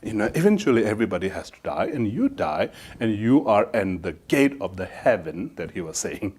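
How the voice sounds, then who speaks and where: A male Buddhist teacher giving a dharma talk, speaking haltingly with many fillers and laughing often at his own story. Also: lowish voice, big pitch swings, darkish tone, breathy edge.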